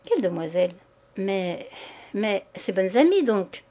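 A woman's voice: mid-range voice, big pitch swings, unhurried, warm tone. Woman narrator doing stout slovenly maid, blunt, hesitant, storybook.

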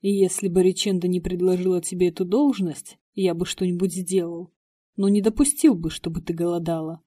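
A woman reading the part of an agitated young gentleman in an audiobook. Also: high-pitched, fairly quick. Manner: exasperated, excitable.

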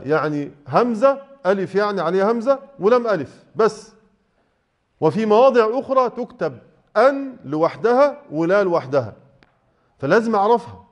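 A man with an Egyptian Arabic accent teaching Quran recitation rules in a mosque class, explaining in a conversational way and often checking that students follow. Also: sits high. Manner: conversational, checks understanding with rhetorical questions.

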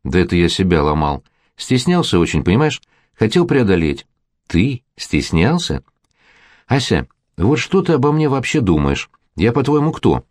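Earnest man in his thirties, deep and lively, audiobook lead, read by a man. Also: normal speed, no room sound, studio quality. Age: 30s. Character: grown man, actor, shy, earnest, wants family.

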